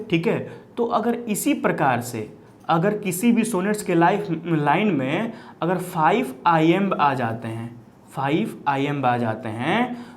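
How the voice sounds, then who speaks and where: A male teacher with an Indian English accent gives an exam-prep literature lecture, mixing Hindi and English, repeating key terms and asking and answering his own questions. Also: a little high. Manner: frequent "ठीक है?" checks with students.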